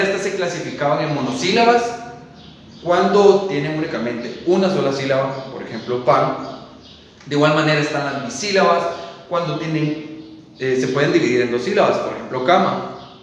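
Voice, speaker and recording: A man teaching a grammar lesson to young pupils, explaining patiently with frequent fillers and check-in questions. His somewhat high voice sounds distant, caught from across a very echoey room with a long reverb tail and a faint hum behind it. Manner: explanatory, uses many fillers and asks "¿verdad?". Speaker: primary school teacher. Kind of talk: classroom lesson on Spanish accent rules.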